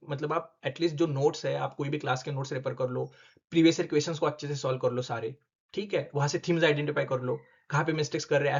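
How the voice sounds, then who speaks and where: A young man tutoring exam candidates in a casual lesson, briskly checking in with his listeners as he goes. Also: fairly high pitch. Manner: brisk, keeps asking "theek hai?". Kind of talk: casual explanatory lesson in Hindi-English mix. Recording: dull lo-fi recording.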